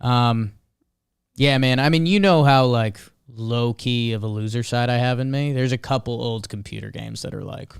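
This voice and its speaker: Man, mid-pitched, clean resonant voice, casual podcast co-host, dry close sound. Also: normal speed, vocal fry, smooth, no echo. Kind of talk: casual chat.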